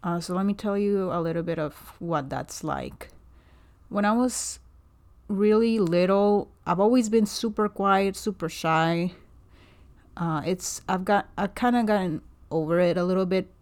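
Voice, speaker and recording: Woman, 30s, from Guatemala, solo podcaster; low-pitched, soft-spoken, hesitant with lots of ums. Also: a little slow. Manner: soft-spoken, hesitant, many fillers and restarts. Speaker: podcast host. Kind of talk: casual solo podcast monologue.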